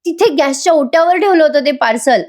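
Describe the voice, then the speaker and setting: A woman's voice: high-pitched, fast, darkish tone, voice pushed up, natural voice. A woman voicing a scheming young wife who talks defensively and slyly. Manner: defensive, sly.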